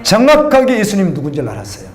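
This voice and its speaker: A man's voice: sits high, wildly swooping pitch, racing, roomy sound. A middle-aged man preaching a sermon as a pastor, talking conversationally and putting questions to the congregation. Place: church.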